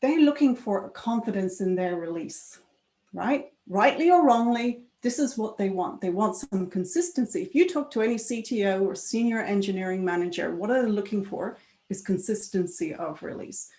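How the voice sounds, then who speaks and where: A woman's voice: medium pitch, expressive, normal speed, mellow, reverberant. A woman giving a conference talk in a conversational way, often adding tag questions. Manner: conversational, adds tag questions, laughs now and then. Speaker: conference speaker. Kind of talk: presentation talk.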